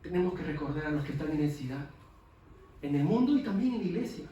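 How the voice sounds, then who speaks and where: A man's voice: on the high side, expressive, fast, warm tone, highs cut off. A man preaching a sermon as pastor, emphatic and repetitive. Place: church. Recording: echoey church hall from a distance, faint noise.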